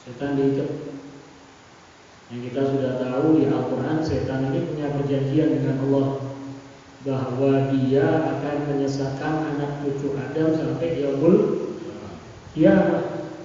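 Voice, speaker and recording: A man's voice: mid-range voice, steady tone, unhurried, pauses often, dark tone. A man delivering an Islamic sermon, telling stories and acting out their exchanges. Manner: storytelling, voices quoted exchanges, chants prayers. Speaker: preacher. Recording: echoey hall from far off, dull lo-fi, faint noise.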